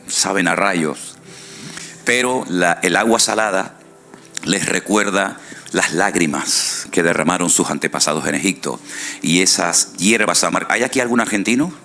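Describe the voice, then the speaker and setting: A man's voice: deep voice, a bit bright, slight background noise. A male pastor preaching a sermon in a conversational way, often checking in with his listeners through short tag questions.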